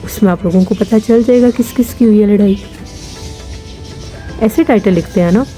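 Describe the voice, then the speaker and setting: A woman's voice: mid-range voice, moderate pace, mellow, faint music behind. A woman family vlogger from Pakistan giving amused, chatty live commentary while filming birds outdoors.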